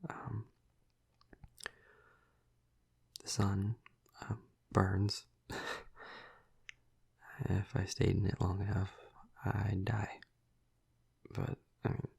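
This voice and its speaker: In an audio roleplay, a man plays a flirty, protective vampire murmuring intimately to the listener, his performance heavily acted. His low voice is a very husky, breathy, gravelly half-whisper thick with fry, and he speaks slowly, softly, hesitantly, and soothingly. He comes across as sheepish and amused.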